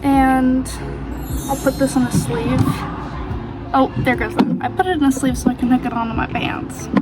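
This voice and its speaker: A woman's voice: high-pitched, level tone, moderate pace, low-quality recording. A woman chatting informally in a casual backstage vlog as a theatre dresser, with music behind her.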